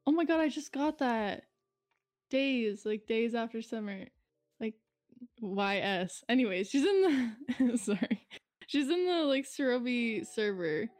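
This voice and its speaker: A woman's voice: fairly high pitch, lively intonation, a little slow, darkish tone. Rambling young Canadian woman. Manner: rambling, heavy use of "like", laughs often. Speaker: podcast co-host and streamer. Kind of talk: casual chat.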